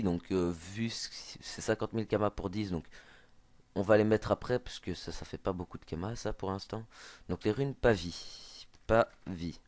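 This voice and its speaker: A man's voice: sits low, darkish tone, no echo. A man with a Belgian French accent explaining a game trick over a screen recording, hesitant with many fillers and restarts. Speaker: gaming tutorial maker.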